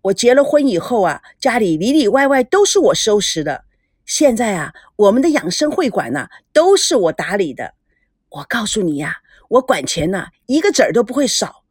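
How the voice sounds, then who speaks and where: A woman's voice: mid-range voice, sing-song, moderate pace, a little mellow, slightly rough, dry recording, clean studio sound. A woman voicing a flirtatious, scheming woman in an audiobook novel, speaking in a sweet, coy, teasing way. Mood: boastful.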